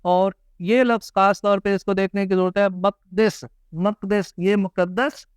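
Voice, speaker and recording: Man, language teacher. Patient, repeats words slowly. High, smooth voice, dry close mic. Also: fairly even intonation, no room sound. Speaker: Urdu pronunciation teacher. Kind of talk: slow, careful teaching monologue.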